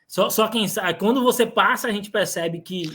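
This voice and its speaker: High-voiced man, calm guest. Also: moderate pace. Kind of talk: casual podcast chat.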